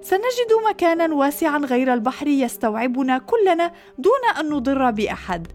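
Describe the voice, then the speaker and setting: A woman doing a lively cartoonish banana peel. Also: a little high, brisk, faint music behind. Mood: earnest. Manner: lively, raised storybook voice. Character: cheeky banana peel, playful then conscientious.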